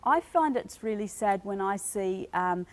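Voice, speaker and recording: A woman talks as a guest in a studio interview, her voice at an average pitch. She explains her views earnestly, in conversational sentences, as a parent and advocate would. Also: animated, measured pace, darkish tone.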